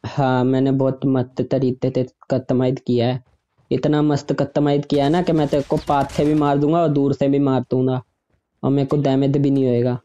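A man's voice: mid-range voice, monotone, normal speed, mellow. A man streaming a shooter game, chatting playfully and greeting his viewers. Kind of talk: casual gaming stream commentary.

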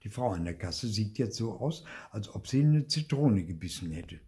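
An older man reading a children's story aloud in an expressive manner. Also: on the low side, moderate pace. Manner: expressive, lively. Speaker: storybook reader.

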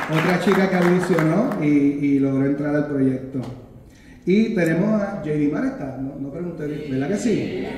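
A man's voice: sits high, noisy background. A Puerto Rican man casually announcing a cast to a live crowd, joking and teasing as he goes, mixing in English words. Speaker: producer presenting a musical's cast. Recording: echoey hall with long reverb.

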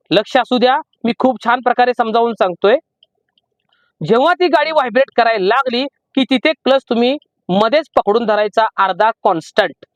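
A man with a Marathi accent teaching driving from inside a parked car, explaining slowly and repeating each step. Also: very high voice, no room sound. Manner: repetitive, slow emphatic teaching. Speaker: driving instructor. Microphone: camera in the car.

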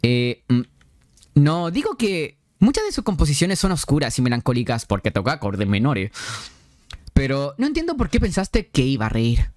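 A man's voice: medium pitch, wildly swooping pitch, normal speed, darkish tone, no room sound. A young man voicing a blunt, teasing male character in a visual novel. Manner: dry, teasing.

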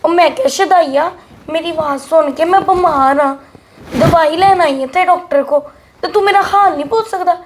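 A woman's voice: moderate pace, slight background noise. A woman playing a feisty married elder sister who scolds her younger brother, speaking in a family short film. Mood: complaining. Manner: scolding, defiant, high-pitched.

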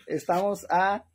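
A woman's voice: medium pitch, slight background noise. Chatty Mexican woman livestreaming. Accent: Mexican Spanish. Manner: chatty and animated, laughing often, repeatedly addressing viewers as "hermanas". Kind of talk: casual livestream chat to followers.

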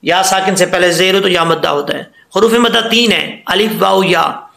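A man's voice: high-pitched, moderate pace, vocal fry, bright, forceful tone, reverberant. A man teaching Quran recitation rules, patiently explaining each letter and drawing out the example words to demonstrate them. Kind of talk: tajweed lesson.

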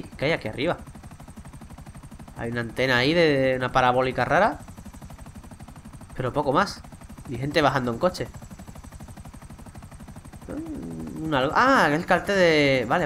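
A young man with a Spain Spanish accent giving chatty, excitable let's play commentary to his viewers, swearing casually as he plays. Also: a little high, slight background noise. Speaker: gaming YouTuber.

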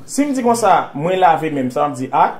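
A man with a Haitian accent teaching English grammar to a class, drilling phrases slowly for students to repeat. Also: on the high side, big pitch swings, over a noisy crowd.

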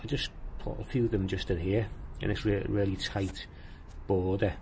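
A man with a fairly low voice strolls through his walled garden, chatting casually about what is growing. He talks plainly and at an easy pace, pointing things out as he goes. A faint outdoor ambience sits behind him. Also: steady tone, a little mellow, a little hiss or hum. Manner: plain-spoken, unhurried, explains as he walks. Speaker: gardening vlogger.

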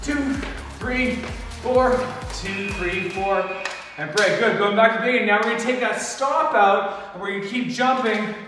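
A man in his thirties coaching a workout like a barking gym coach, energetically calling out counts, a little breathy from exertion as he moves. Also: sits high, moderate pace. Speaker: fitness instructor, jump rope coach. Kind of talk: workout tutorial with counted cadence. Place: indoor gym with rubber floor. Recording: echoey gym, distant mic, music behind.

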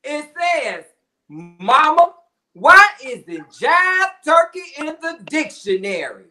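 Speaking very high and sing-song with a bright, forceful tone, this middle-aged man takes his time. He's a cooking show contestant on a webcam video call from his home kitchen, joking through a recipe demo full of slang and puns.

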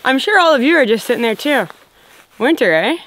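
A woman's voice: high-pitched, big pitch swings, fairly quick, fairly bright tone. A woman in her thirties chatting to viewers outdoors in a wooded yard, filming herself at arm's length and laughing often. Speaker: vlogger. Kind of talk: casual vlog narration. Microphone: handheld camera at arm's length.

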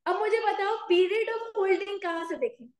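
A woman commerce teacher giving a classroom lecture with an Indian accent, slowly dictating notes and asking her students questions. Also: extremely high pitch, reverberant, poor audio. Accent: Indian English mixed with Hindi.

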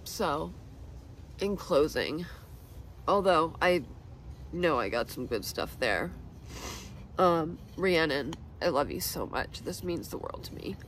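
A woman's voice: sits low, animated, takes it slowly, long pauses, rough recording. Woman in her 30s vlogging, kinda teary and rambly, voice swings all over, little bit of noise behind. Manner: rambling, tearful, self-deprecating, with nervous laughs. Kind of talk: emotional personal vlog.

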